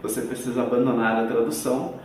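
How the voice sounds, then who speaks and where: A man's voice: mid-range voice, level tone, fast, a little mellow. A Brazilian man teaches a video lesson, patiently laying out examples one at a time. His voice rings in a very roomy space, picked up from well back from the microphone, with a faint hiss underneath. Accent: Brazilian Portuguese. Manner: didactic, spells out examples step by step. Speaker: English teacher. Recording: very echoey room, far from the mic.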